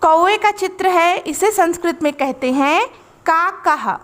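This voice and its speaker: A woman tutor, explaining a lesson and carefully pronouncing words one by one. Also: very high-pitched. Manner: slow, careful word-by-word pronunciation drills.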